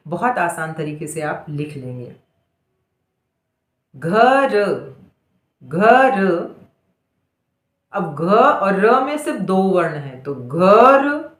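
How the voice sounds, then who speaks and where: Slow, patient woman dictating letters. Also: mid-range voice, fairly bright tone, reverberant. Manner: patient, spells out each letter and repeats words slowly. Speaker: teacher.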